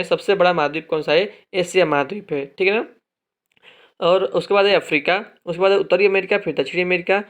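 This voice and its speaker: A man's voice: sits high, lo-fi sound. A man teaching an exam-prep lesson, explaining memory tricks and checking in with listeners after nearly every phrase. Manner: explains mnemonic tricks, repeats "ठीक है ना" often; addresses viewers as friends, drawn-out repetitions of key phrases.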